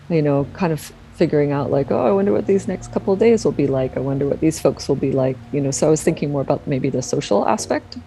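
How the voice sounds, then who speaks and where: A woman's voice: deep voice, dark tone, a little hiss or hum, low-quality recording. A woman, a sound artist and professor, recalling things in a chatty, loose interview manner. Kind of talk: casual interview recollection.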